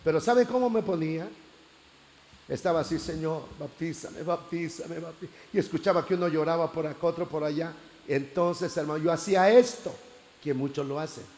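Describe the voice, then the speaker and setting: A man preaching a church class, telling his story with lively acted-out prayers. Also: on the high side, brisk. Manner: animated storytelling, acting out prayers.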